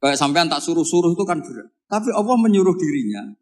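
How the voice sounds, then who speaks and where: A man's voice: fairly high pitch, big pitch swings, quick pace, a little mellow. Joking Javanese-accented male preacher. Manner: jokey, teasing the audience, mixing in Arabic quotes. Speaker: Islamic preacher. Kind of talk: relaxed religious lecture with humor. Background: audience laughter.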